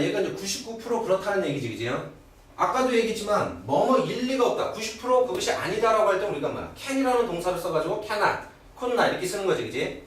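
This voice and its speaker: Lively male teacher in an echoey classroom. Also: sits high, far from the mic. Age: middle-aged. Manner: keeps checking in with rhetorical questions. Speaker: English teacher. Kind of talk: classroom grammar lecture. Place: classroom at a cram school. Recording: echoey room, voice from afar, old video.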